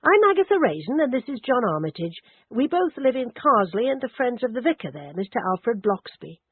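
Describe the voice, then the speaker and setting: A brisk middle-aged woman detective presses her point, as a woman narrator reads her, with plenty of rise and fall in her pitch. The voice is slightly husky. It comes over a thin, phone-like line. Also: very animated, no echo. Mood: firm. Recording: dry, narrowband phone-like audio.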